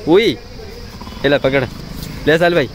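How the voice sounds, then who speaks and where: A man's voice: fairly high pitch, slow. A young man vlogging casually, chatting and joking with friends while out on the street and at a stadium. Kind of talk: casual vlog chat. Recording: outdoor crowd and traffic noise.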